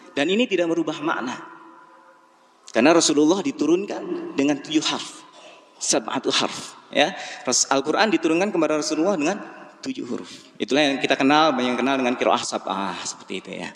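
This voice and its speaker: A man's voice: on the high side, fairly bright tone. A man with an Indonesian accent teaching Quran recitation at a dawn mosque class, speaking patiently and counting the group in before they chant. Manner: slow, patient, chants verse lines then leads the group in by counting. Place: large mosque hall. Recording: echoey mosque hall, faint music.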